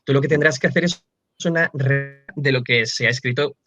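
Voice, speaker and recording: A man's voice: medium pitch, brisk, pushed and bright, slight background noise. A man, a dubbing actor and translator, talking thoughtfully with many fillers and restarts in a casual video-call interview. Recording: dull lo-fi video-call sound.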